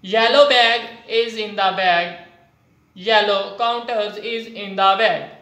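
Slow, halting teacher with a Pakistani accent, sex unclear. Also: medium pitch, steady tone, fairly bright tone. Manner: halting, piecemeal phrasing. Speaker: maths teacher. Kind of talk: instructional maths lesson at a whiteboard. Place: indoors at a whiteboard. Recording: echoey room.

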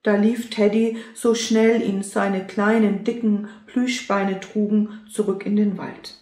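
A woman reading a children's story aloud and speaking gently to the young listeners. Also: medium pitch, steady tone, slow. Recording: roomy echo.

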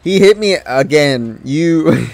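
A man's voice: on the high side, lively intonation, slow, vocal fry, no echo. A man casually chatting and joking while playing a game on stream. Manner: laid-back, joking. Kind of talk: casual gameplay chat.

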